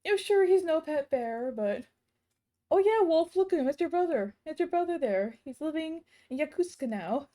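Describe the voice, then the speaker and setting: A woman's voice: high voice, animated, normal speed, dark tone. A woman giving casual live reaction commentary, exclamatory and giggly, as a livestreamer. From Alaska, United States. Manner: exclamatory, giggly, full of interjections.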